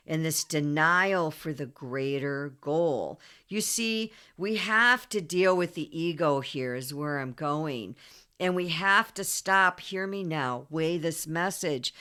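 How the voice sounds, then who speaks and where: A woman's voice: low voice, a bit bright. A woman astrologer giving an emphatic, preachy reading, often repeating herself for stress.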